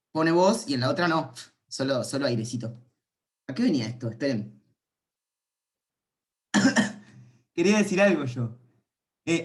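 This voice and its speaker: A man's voice: on the high side, a bit bright. A man, a university calculus lecturer giving an informal online class, playful and rambling as he thinks aloud.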